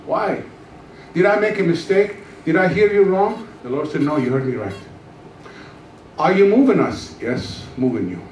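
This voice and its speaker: A middle-aged guest pastor preaches a testimony sermon from a church stage, holding a mic and acting out the dialogue with animated storytelling. His voice is high, with a little hiss or hum, captured from far off in an echoey room.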